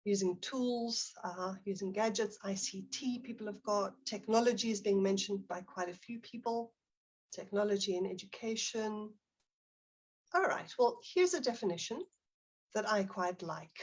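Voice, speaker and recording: Speaking at medium pitch and normal speed, a South African-accented woman presents a live teaching webinar online from her home office near Barcelona. She's friendly as she prompts the audience and reads their chat replies aloud.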